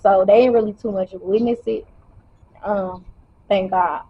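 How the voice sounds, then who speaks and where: Speaking unhurriedly in a husky mid-range voice with fairly even intonation, a woman tells her personal story to camera. She's emotional and holding back tears but keeps it casual, colloquial and direct, and the audio is dull lo-fi.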